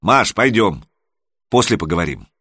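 A man's voice: fairly low pitch, sing-song, normal speed, sharp tone, dry recording, studio quality, full character voice. A man voicing a stern, suspicious middle-aged father in an audiobook. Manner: stern, gruff. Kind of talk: audiobook character voice.

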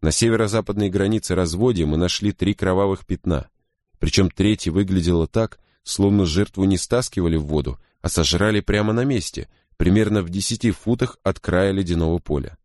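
A man reading a first-person story as an audiobook narrator, in a steady, grave way. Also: low-pitched, a little fast, no echo, studio quality.

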